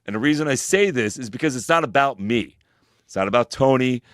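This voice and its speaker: A man's voice: lively intonation, fairly quick, fairly bright tone, no room sound, studio quality. A man, co-hosting a casual podcast chat and speaking emphatically, with heavy swearing and a preachy tone. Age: 40s. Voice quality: deep voice. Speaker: podcast co-host.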